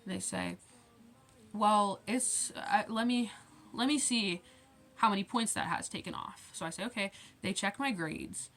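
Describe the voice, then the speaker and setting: A woman's voice: mid-range voice, a little slow. A teenage girl rambling through a casual storytime rant, acting out conversations as she goes. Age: teens. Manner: rambling, quotes conversations with shifting loudness. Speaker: vlogger.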